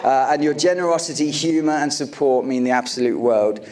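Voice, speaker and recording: A man's voice: medium pitch, fairly even intonation, fairly quick, darkish tone. A man in his late thirties, a groom giving an affectionate, joking wedding toast to his guests. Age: late 30s. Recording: live event with audience laughter. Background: wedding guests laughing and reacting.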